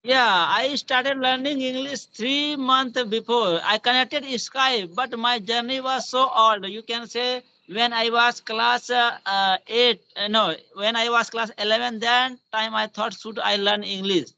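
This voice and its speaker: A man's voice: extremely high pitch, steady tone, unhurried, hardly any pauses, pushed and bright, dry recording. A man in his thirties with an Indian accent, chatting in broken English with frequent repeats and self-corrections. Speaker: English learner. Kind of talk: casual spoken-English practice chat. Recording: dull lo-fi online call.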